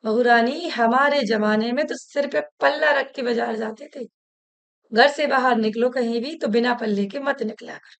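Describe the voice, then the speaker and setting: A woman's voice: fairly high pitch, normal speed, vocal fry. A woman voicing a stern traditional mother-in-law, an older woman who scolds and harks back to the old days. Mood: scolding.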